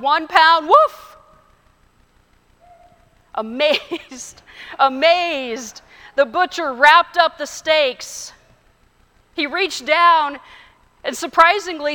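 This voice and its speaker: A woman pastor preaching a sermon in a church, earnest and measured, telling stories. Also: sits high, pushed and bright, in a large hall. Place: church sanctuary.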